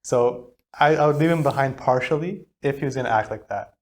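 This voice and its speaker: A young woman with an unusually deep voice for a woman, co-hosting a casual podcast. She jumps in with jokes and teasing remarks and laughs easily. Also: brisk, darkish tone. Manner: jokey, laughs often, chimes in with quips. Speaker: podcast co-host. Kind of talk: casual chat.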